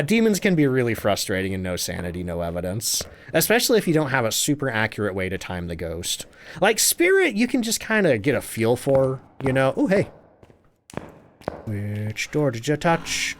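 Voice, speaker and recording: A man's voice: medium pitch, slight background noise. A man streaming a game live, chatting, reading viewer comments aloud and laughing often.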